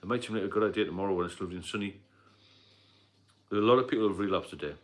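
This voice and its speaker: Middle-aged British livestream host, deep low voice, loose rambling delivery with fillers. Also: male voice, rapid-fire. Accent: British English. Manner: rambling, repetitive, frequent fillers and coughs. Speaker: livestream host, sobriety mentor. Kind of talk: casual live stream talk.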